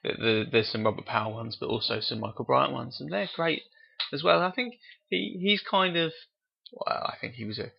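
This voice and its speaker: A man with a gravelly, slightly husky voice talks in a relaxed, halting way, often restarting his sentences. The sound is dull and lo-fi, like a home podcast recording. He chats casually as a co-host about films. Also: medium pitch. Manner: hesitant, many restarts and fillers. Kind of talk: casual film discussion.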